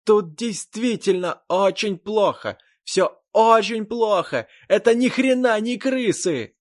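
A man voicing a panicked male soldier who screams drawn-out cries of terror, as an audiobook character voice. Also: high voice, pitched above the performer's own voice. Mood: terrified.

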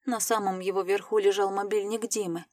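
A woman narrating a first-person fantasy story in a lively, playful audiobook reading. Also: medium pitch, fairly quick, no room sound, clean studio sound.

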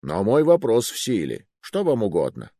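A man's voice: lowish voice, wildly swooping pitch, moderate pace, warm tone, dry recording, exaggerated voice. Man putting on a haughty dandy clerk's drawl. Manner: drawling, condescending.

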